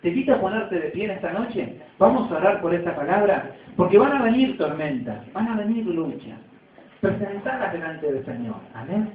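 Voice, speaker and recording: Distant echoey Argentine preacher, high voice. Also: male voice, lively intonation, moderate pace. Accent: Argentine Spanish. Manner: conversational preaching with rising and falling emphasis. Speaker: pastor. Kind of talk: sermon. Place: church. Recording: echoey distant phone-like church recording.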